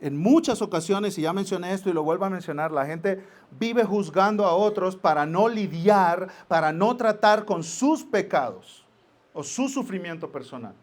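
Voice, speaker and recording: A man's voice: high voice, normal speed. A man preaching a sermon as pastor, telling stories and acting out little scenes as he goes. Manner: lively storytelling with acted-out asides.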